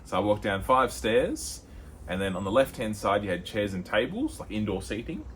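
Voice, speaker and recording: Rambling Australian young man, low voice. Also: very animated, normal speed, a bit bright, slight background noise. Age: young adult. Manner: rambling storyteller, many fillers, slips into put-on voices. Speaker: podcast co-host. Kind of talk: casual chat.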